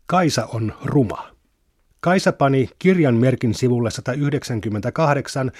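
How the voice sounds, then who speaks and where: A man reading literary fiction aloud in a measured, even narration. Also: medium pitch, no room sound, studio quality. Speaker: reader.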